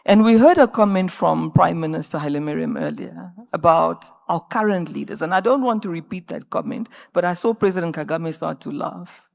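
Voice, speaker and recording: Woman panelist in her fifties with a gravelly edge and an emphatic, rallying conference delivery. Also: fairly low pitch, normal speed, few pauses, a little mellow. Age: 50s. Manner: emphatic, rallying, repeats words when searching. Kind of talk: panel discussion remarks. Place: conference stage.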